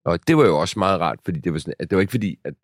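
A man's voice: deep voice, animated, dry recording, studio quality. A man in his thirties, a podcast co-host, telling a story in casual chat with many fillers and restarts.

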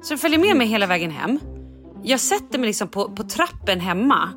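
A woman in a relaxed podcast chat, telling her story with plenty of energy and acting out what she said at each turn. Her voice sits at a middle pitch, and faint music runs underneath. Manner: animated storytelling, acting out her own lines. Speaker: podcast host. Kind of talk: casual chat.

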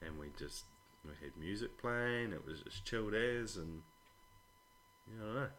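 A man's voice: lowish voice, lively intonation, moderate pace, a bit bright. A man with an Australian accent chatting casually as a podcast guest, in a laid-back, blokey way that includes some swearing. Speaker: podcast guest, a father talking about his children. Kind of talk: casual conversation.

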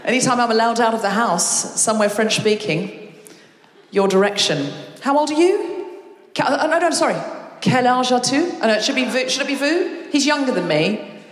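An Australian woman, a comedy podcast host, does live stand-up crowd work on stage in a large concert hall, teasing and chatting quickly with the audience. Her voice is a little high and expressive. The stage microphone captures a roomy hall with long reverb.

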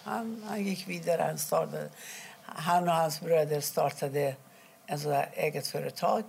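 A middle-aged woman from Iran, telling her own story in an interview, quietly and haltingly, with many pauses. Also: sits low, creaky, a little hiss or hum. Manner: halting, quiet and emotional, pausing often. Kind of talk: personal testimony interview.

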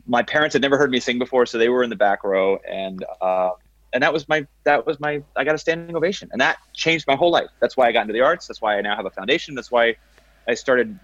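As a podcast guest in casual chat, a man with a big baritone voice tells rambling, self-deprecating stories, restarting often. His tone is a bit bright, and the lo-fi recording carries no echo.

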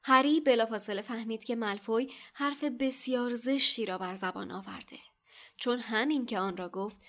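Female podcast co-host, steady novel read-aloud, slightly high voice. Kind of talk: reading a novel passage aloud.

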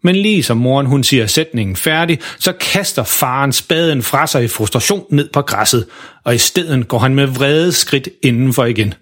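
A man narrating a children's story in a lively, expressive way. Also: mid-range voice.

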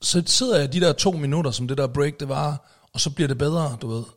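A man with a husky, slightly breathy voice talks in a loose, conversational way. He leans on tag questions and fillers and swears now and then, like a podcast co-host telling a story. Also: a little high. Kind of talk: casual chat.

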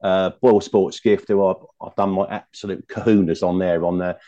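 A man's voice: low-pitched, fairly even intonation, normal speed, dark tone, highs cut off. A man talking through his betting picks as a racing pundit in a chatty, rambling way, full of asides. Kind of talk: casual betting chat.

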